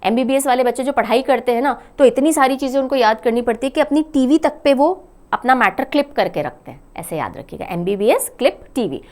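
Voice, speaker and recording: A woman's voice: high voice, lively intonation, a little fast, darkish tone. A woman teaching a current affairs lesson for exam preparation, asking questions and answering them herself, mixing English phrases into Hindi. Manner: explains step by step, asks and answers own questions. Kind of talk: exam-prep lecture.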